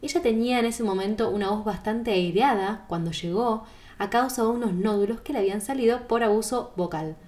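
With a medium pitch and a brisk pace, a Rioplatense-accented singing teacher, a woman, talks calmly and explanatorily to her listener in a podcast monologue.

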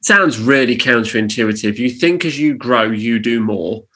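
A man's voice: medium pitch, lively intonation, moderate pace, fairly bright tone, husky, low-quality recording. A man co-hosting a casual podcast chat, giving advice in an earnest, emphatic, coaching way. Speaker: podcast co-host on church leadership.

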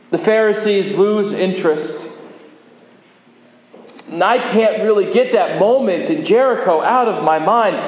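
A man's voice: high-pitched, darkish tone. A man performing a first-person dramatic monologue as a humble, repentant crucified criminal, earnest and short of breath. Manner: earnest, slow and deliberate. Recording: echoey hall with long reverb.

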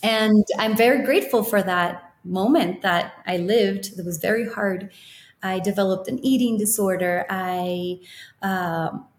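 A young woman from Ecuador, a podcast guest, telling her story in a warm, reflective, often laughing way. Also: medium pitch. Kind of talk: casual interview chat. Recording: roomy echo.

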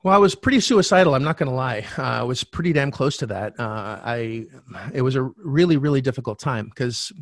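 A middle-aged man, a podcast guest and real estate coach, telling a candid personal story in a frank, animated way, swearing casually. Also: medium pitch, fairly quick, dry recording, studio quality.

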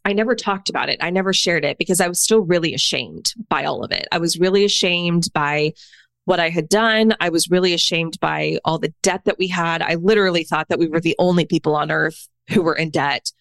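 Woman in her 30s on a podcast, chatty and open, lots of "like", lowish voice, dry close sound. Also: a little fast, gravelly, fairly bright tone, dry recording. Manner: candid, chatty, peppers speech with "like" and "right?". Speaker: podcast guest. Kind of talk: casual conversational storytelling.

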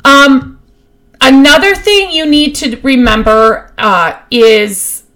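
A woman hosting a podcast, giving casual, practical advice in a chatty way, with many fillers and restarts, and getting excited about her topic. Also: high voice, slow pace. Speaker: podcast host.

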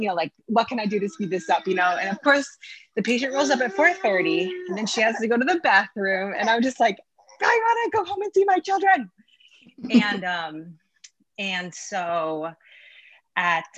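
A woman's voice: medium pitch, a bit bright. A woman in her thirties, a doctor, telling a frustrating story in a rambling, exasperated way with many restarts. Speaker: coaching client, physician. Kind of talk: emotional casual storytelling.

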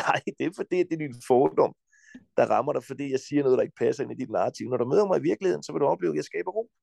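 A Danish man talking as a podcast guest, giving forceful advice bluntly and insistently, with frequent swearing. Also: medium pitch, vocal fry, dry recording.

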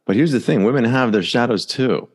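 A man's voice: mid-range voice, a little fast, a little mellow, husky. A man speaking as a guest on a podcast, talking reflectively with "you know" fillers and frequent laughter. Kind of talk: casual conversational interview.

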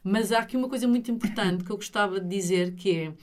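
Middle-aged woman, European Portuguese accent, interview guest, earnest and emphatic, explanatory, mid-range pitch. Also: fast. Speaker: interview guest, retreat leader.

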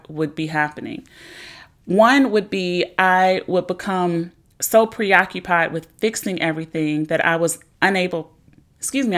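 A young woman with a slightly low voice talks through self-help ideas in an earnest, conversational way. She sometimes slips into the anxious inner voice she is describing, then comes back to plain explanation. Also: a bit bright. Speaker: podcast host. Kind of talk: casual self-help talk.

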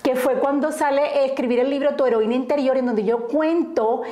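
A woman's voice: high voice, steady tone, normal speed, warm tone. A woman from Colombia with a Colombian accent, a guest author telling her story in an earnest, reflective way. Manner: earnest, reflective, with fillers and restarts. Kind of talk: personal storytelling in interview. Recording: roomy echo.

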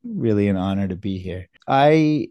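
A man's voice: lowish voice, animated, moderate pace, no echo, highs cut off. A middle-aged man from New York, a guest surgeon telling his story in a casual interview, earnest and self-deprecating. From New York, USA.

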